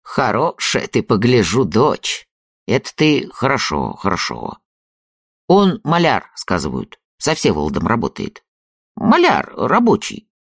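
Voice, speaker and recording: A man doing a gruff old country father with a folksy, lecturing way of talking, voice leaping between a low grumble and a raised, lively tone. Dry, close sound, as in a spoken storybook. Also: unhurried, no echo, heavily acted. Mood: probing. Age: older. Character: gruff old rural father, blunt, preachy. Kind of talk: audiobook character reading.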